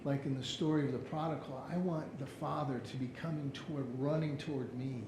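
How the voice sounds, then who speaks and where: A man's voice: medium pitch, fairly even intonation, fairly quick, roomy sound, background noise. A man preaching a sermon as pastor, telling stories and acting out the people in them. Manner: storytelling, acts out the people in his stories. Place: church sanctuary.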